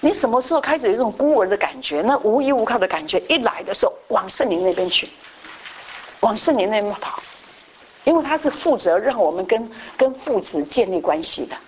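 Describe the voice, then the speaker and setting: A woman pastor giving a conversational Bible class. She repeats her phrases and often fills her pauses with a short affirming word. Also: a little high, lively intonation, a little hiss or hum, poor audio.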